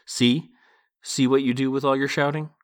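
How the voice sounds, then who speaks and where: A man's voice: medium pitch, level tone, normal speed, pitched above the performer's own voice, close to an everyday voice. A man reading a stern, bossy older woman. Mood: scolding. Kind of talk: podcast book reading.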